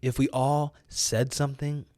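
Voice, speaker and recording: A man's voice: mid-range voice, flat delivery, unhurried, darkish tone, dry recording. American man preaching with emphatic urging. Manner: exhortative, emphatic, repeats phrases for effect; casual youthful slang. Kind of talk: motivational preaching, informal.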